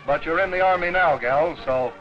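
Man narrating an old newsreel. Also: a little high. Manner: brisk, declamatory. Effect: old newsreel sound. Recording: dull lo-fi 1940s newsreel soundtrack with music. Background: music.

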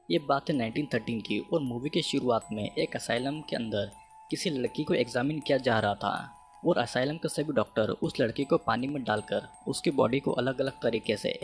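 A man recounts a film's plot in a steady, even narrator's voice, his Hindi accent plain in every line. His pitch sits at an ordinary middle level, and soft background music runs faintly under the speech. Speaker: movie explainer. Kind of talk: scripted movie recap narration.

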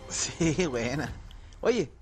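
A man's voice: on the high side, sing-song, extremely slow, soft background music. A man making casual plans with a friend over game voice chat. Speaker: gamer. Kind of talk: casual voice chat while gaming.

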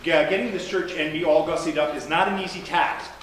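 Pastor in a very echoey church. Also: male voice, on the high side, fairly even intonation, a little fast, a bit bright, slight background noise. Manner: chatty and joking between formal prayer. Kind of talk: church announcements and prayer. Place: large church sanctuary. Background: congregation murmuring.

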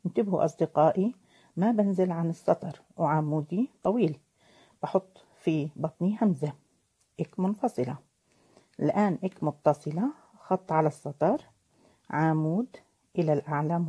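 Female preschool teacher, fairly low husky voice, slow, drawn-out phonics delivery. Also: dark tone. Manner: slow, drawn-out letter sounds for young children. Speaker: kindergarten Arabic teacher. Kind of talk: recorded preschool phonics lesson.

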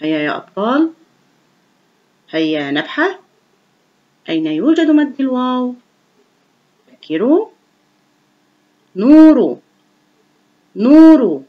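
Slow-spoken woman teaching children to read. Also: fairly high pitch, sing-song. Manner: slow, clearly enunciated, encouraging teacher voice. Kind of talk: online reading lesson for young children. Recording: dull lo-fi recording.

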